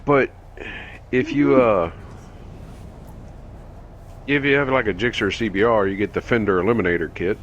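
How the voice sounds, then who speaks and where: A man chatting casually on a stream, explaining things in a relaxed way. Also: on the low side, moderate pace, pauses often, dull audio, slight background noise. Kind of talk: casual chat.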